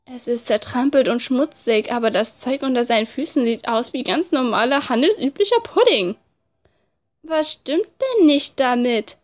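High-voiced woman reading a game aloud. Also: moderate pace. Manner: expressive, informal. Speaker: let's play narrator. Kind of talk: reading visual novel text aloud, with casual asides.

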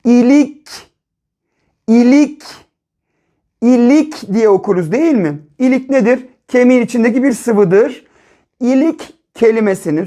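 A primary school teacher giving an early reading lesson to children, sounding out syllables slowly and repeating each word several times with frequent check-in questions. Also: mid-range voice, warm tone.

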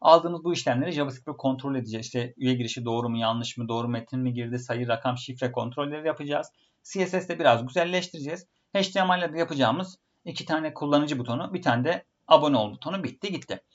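Fast-talking man through a fuzzy laptop mic. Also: mid-range voice, muffled recording. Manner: friendly, addresses viewers as friends. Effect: distorted fuzzy sound. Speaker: programming course instructor. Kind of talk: online coding lesson wrap-up. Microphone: built-in laptop microphone.

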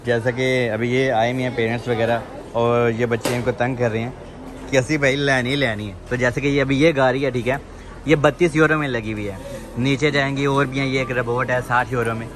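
Talking a little fast in a steady, mid-range tone, a male vlogger walks viewers through a large supermarket in a shopping mall, filming on his phone. He's chatty, keeps calling them "janab," repeats "theek hai" frequently, and the indoor store is loud behind him.

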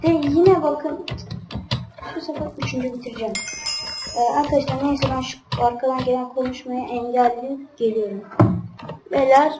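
A woman's voice: sits high, steady tone, moderate pace, long pauses, music in the background. A woman giving casual let's-play commentary, grumbling and easily frustrated while talking straight to her viewers. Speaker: gaming channel host. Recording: roomy, distant mic with background noise.

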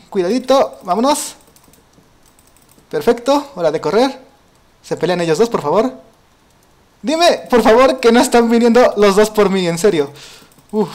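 A man gives casual commentary while playing a game. He talks to his viewers in a chatty, excitable way, with frequent exclamations and quick laughs. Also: high voice. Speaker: gaming video creator.

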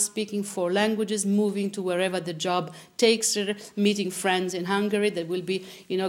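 A woman, answering interview questions in an animated, discursive way in a TV studio. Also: mid-range voice. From Italy. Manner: animated, gesturing, frequent restarts. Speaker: interviewee, philosopher. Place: TV studio with curtain backdrop.

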